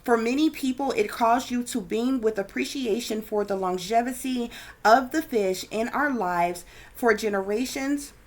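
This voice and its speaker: A woman hosting a spiritual video, talking loosely with frequent fillers, restarts and a habit of asking "okay?". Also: fairly high pitch. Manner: repeats "okay?" often, with many fillers and restarts. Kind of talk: casual spoken video lecture.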